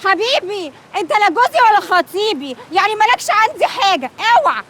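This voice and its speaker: An actress playing a fiery, indignant young woman in an Egyptian drama, with an Egyptian accent and shrill outbursts on a city street. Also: very animated, fairly quick, heavy background noise. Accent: Egyptian Arabic.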